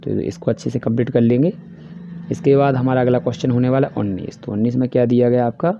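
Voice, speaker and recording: A man with a Hindi accent teaching a class worksheet, explaining each answer step by step and reading the English questions slowly. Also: mid-range voice, fairly even intonation, gravelly, mellow, slight background noise. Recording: dry, dull lo-fi voice-over.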